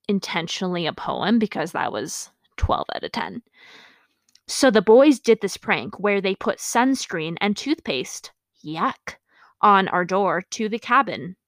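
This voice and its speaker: A woman's voice: medium pitch, fairly bright tone, no room sound. A woman hosting a podcast, reading her childhood journal entries aloud and breaking off for amused, self-mocking comments and laughs. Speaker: podcast host.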